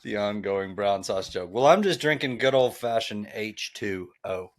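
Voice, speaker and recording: A man's voice: on the low side, expressive, normal speed. A man hosting a casual podcast, friendly and rambling with lots of fillers. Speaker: podcast host.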